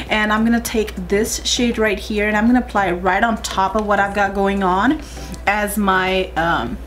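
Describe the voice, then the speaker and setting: A young woman chatting to her viewers as she walks through a makeup tutorial step by step. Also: medium pitch. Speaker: beauty vlogger. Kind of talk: casual makeup tutorial chat.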